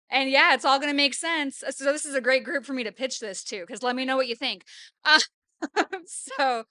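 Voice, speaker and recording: A woman's voice: mid-range voice, bright, forceful tone, no echo, studio quality. A woman from San Diego, a yoga and sound healing practitioner, introducing herself to a small group, a bit self-conscious and giggly. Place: wellness studio with a small audience.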